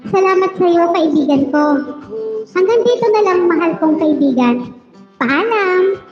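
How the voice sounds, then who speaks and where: Very high-voiced woman reading heartbreak letters. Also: lively intonation, measured pace. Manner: teasing, playful banter between readings. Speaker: livestream host. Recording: roomy, dull, with music behind.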